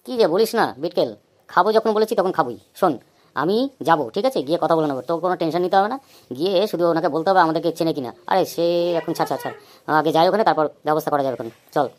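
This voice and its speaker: Woman voicing rapid bossy cartoon boy Futo. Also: deep voice, lightly acted. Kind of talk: cartoon comedy voice acting.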